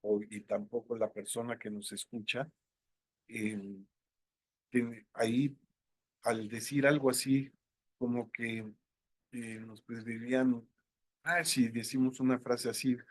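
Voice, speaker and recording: A man teaching an online lecture, thinking aloud and filling pauses with hesitations. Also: mid-range voice, level tone, no room sound. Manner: unhurried, thinking aloud with many fillers. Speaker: instructor.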